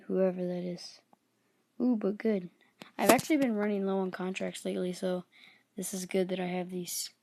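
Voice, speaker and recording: A woman talking in a low, hushed, unhurried late-night voice, giving casual commentary as a gaming video host. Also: level tone, vocal fry, a little hiss or hum.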